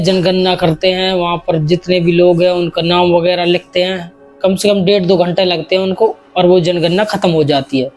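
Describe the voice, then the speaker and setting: A man's voice: high-pitched, a little mellow. A man casually retelling a horror story in his own words, with restarts and quoted dialogue.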